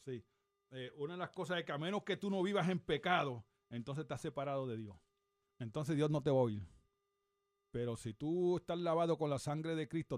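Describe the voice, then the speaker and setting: Animated preaching man, high dry voice. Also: no room sound. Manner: animated, repeats questions, looks up verses aloud. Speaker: reverend and radio preacher. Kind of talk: conversational radio sermon.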